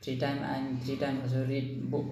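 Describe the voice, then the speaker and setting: Nepali guy in his 30s at a job interview, says sir a lot, mellow voice, echoey room, mic kinda far. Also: mid-range voice, completely flat delivery, normal speed, soft background music. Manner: short polite answers ending in sir, simple broken English. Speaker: job applicant. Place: small indoor room, seated at a desk.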